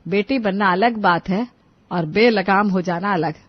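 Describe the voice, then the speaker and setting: A woman's voice: medium pitch, unhurried, no room sound, muffled recording, natural voice. A woman voicing a strict, easily offended middle-aged mother-in-law with a scolding manner. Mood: indignant. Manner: scolding, stern.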